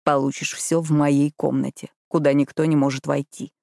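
A woman's voice: low-pitched, little pitch movement, moderate pace, vocal fry, no room sound. A woman voicing a brooding, dangerous ex-convict man who speaks dryly and darkly. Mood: growling. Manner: dry, dark, growling delivery.

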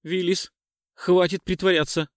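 An anxious male teammate who calls out higher and louder than the others, always trying to calm things, as a male narrator plays him. His voice jumps up when he worries. The recording is dry and close, with no room echo. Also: a little slow. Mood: worried. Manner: raised, worried, higher-pitched. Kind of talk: audiobook character reading.

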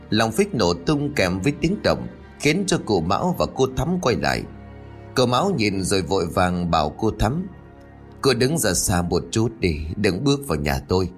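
A man narrating a ghost story aloud, lightly voicing the characters as he reads. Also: lowish voice. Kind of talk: scripted horror story narration. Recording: faint music behind.

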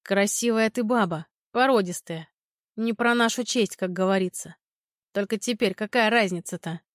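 A man's voice: high voice, moderate pace, a bit bright, no room sound, clean studio sound. A woman narrating an audiobook voices a wiry male thug who speaks in a mocking, menacing way. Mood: mocking menace.

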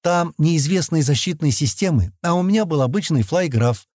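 A man's voice: fairly high pitch, expressive, normal speed, darkish tone, no room sound, studio quality, pitched above the performer's own voice, close to an everyday voice. A man playing a sly boastful spacefarer.

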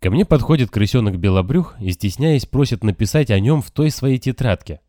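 A man reading a novel aloud in calm, even first-person audiobook narration. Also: medium pitch, a little fast, dry recording. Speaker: audiobook reader. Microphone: close, dry home recording.

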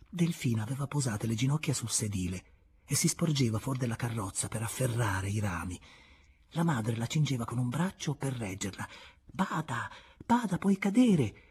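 Narrazione da audiolibro letterario: un lettore dalla voce maschile nella media, fortemente velata e soffiata. Legge con calma e cura, abbassando talvolta la voce in un sussurro. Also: male voice, mid-range voice, slightly rough. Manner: measured, expressive, sometimes dropping to a whisper. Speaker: audiobook reader.

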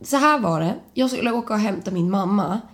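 A young woman, a podcast co-host, telling a story in casual chat and acting out the people in it. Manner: animated, acts out quotes with sudden high shouts.

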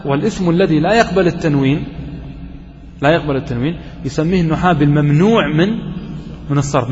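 A man teaching a grammar lesson, explaining slowly and putting questions to the class that he then answers himself. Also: fairly high pitch, darkish tone. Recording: dull recording with long hall reverb.

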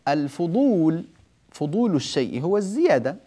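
A middle-aged man gives a recorded lesson on Quran recitation in a mellow, relaxed voice. He teaches patiently, poses questions and answers them himself, and slows right down to draw out each quoted word. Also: on the high side. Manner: explains patiently, asks and answers his own questions, draws out quoted words slowly.

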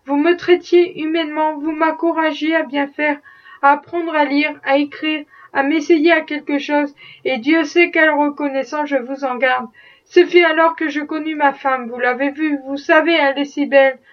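A woman's voice: sits high, fairly even intonation, normal speed, distant mic, dull audio, close to an everyday voice. A woman voicing a desperate young enslaved man fleeing to freedom, with impassioned, defiant pleading.

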